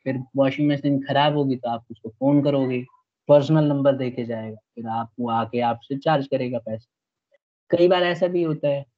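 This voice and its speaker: A man's voice: mid-range voice, moderate pace, no room sound. Male teacher, online lecture, choppy glitchy call audio, dull lo-fi, dry sound, explains with examples. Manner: explains with everyday examples, checks in with students. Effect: choppy online call audio that cuts in and out.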